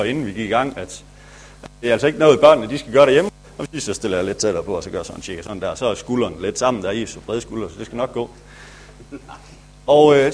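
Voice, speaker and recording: A man's voice: mid-range voice, slightly rough. A man, a pastor, retelling a Bible story for children in a chatty, playful way.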